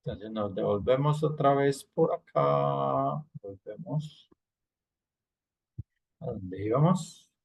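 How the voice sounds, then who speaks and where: A man's voice: medium pitch, takes it slowly, gravelly, long pauses, husky. A man teaching an online English class, explaining patiently and checking in with frequent tag questions.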